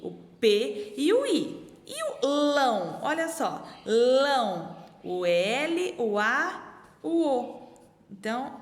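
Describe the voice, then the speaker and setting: A Brazilian woman teaching young children, sounding out syllables slowly and clearly with exaggerated pronunciation. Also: a little high. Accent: Brazilian Portuguese. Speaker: primary school teacher. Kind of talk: remote lesson for young children. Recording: echoey room with long reverb.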